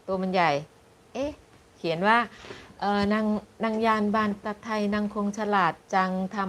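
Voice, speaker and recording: A woman's voice: medium pitch, fairly bright tone. A middle-aged woman hosting a fortune-telling livestream, chatting politely and reading viewer comments aloud. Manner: polite, chatty, reads comments aloud and stumbles over words. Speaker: fortune teller livestream host.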